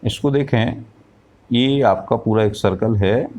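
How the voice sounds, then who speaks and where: A man with a lowish voice teaches a math lesson at a very slow, deliberate pace. He explains patiently, poses questions to the class and answers them himself, and counts aloud as he goes. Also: darkish tone.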